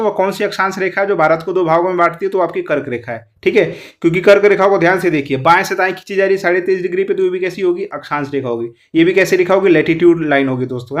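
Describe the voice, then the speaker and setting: Fast-talking male teacher. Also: high voice. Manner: fast, repetitive, keeps asking the class questions. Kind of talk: exam-prep lesson, explaining quiz answers.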